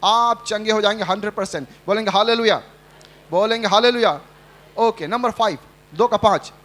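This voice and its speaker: At a church service, a male pastor with a high, fairly bright voice preaches in Hindi at a moderate pace. He leads call-and-response with the congregation and dramatizes the quotes in his Sunday sermon.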